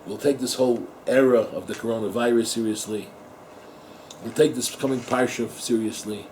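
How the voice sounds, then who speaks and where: A man's voice: medium pitch, fairly even intonation, normal speed, darkish tone, slight background noise, rough recording. A middle-aged man, a rabbi giving an informal Torah talk to yeshiva students, repeating words and asking his listeners rhetorical questions. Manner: mixes Hebrew and Yiddish terms into English.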